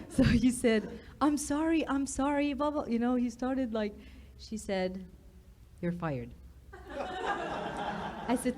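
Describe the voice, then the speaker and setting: A woman speaking at a memorial gathering, telling stories in an animated way and acting out the lines she quotes. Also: medium pitch. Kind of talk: storytelling talk.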